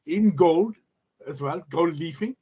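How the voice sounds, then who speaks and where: A man's voice: on the high side, a little slow, dark tone, slightly rough. A man chatting casually as a participant, telling a personal anecdote and asking questions, on a muffled recording. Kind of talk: casual conversational storytelling and questioning.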